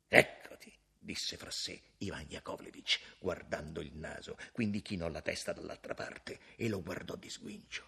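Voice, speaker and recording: Husky theatrical male story reader. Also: low-pitched, normal speed, few pauses. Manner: theatrical, with sudden drops to a hush. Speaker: narrator. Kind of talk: dramatic reading of a classic story.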